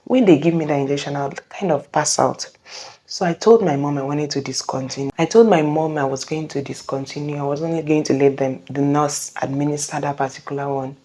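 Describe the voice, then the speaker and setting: A young woman telling a personal testimony in a casual way. She speaks earnestly and haltingly, often pausing and correcting herself. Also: deep voice, steady tone, mellow. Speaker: vlogger sharing a personal testimony.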